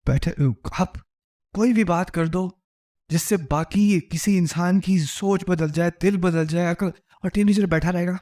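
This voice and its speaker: A man's voice: high-pitched, fairly even intonation, a little mellow. A man giving a humorous religious lecture, telling stories with rhetorical questions and jokes. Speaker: Islamic lecturer.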